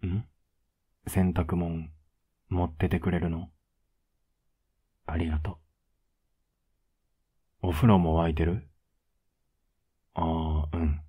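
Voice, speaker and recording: A man playing a teasing, affectionate young boyfriend in a soft ASMR role-play, with a low, husky voice. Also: flat delivery, slow pace, pauses often, full character voice. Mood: tired, casual. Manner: laid-back, gently teasing, intimate.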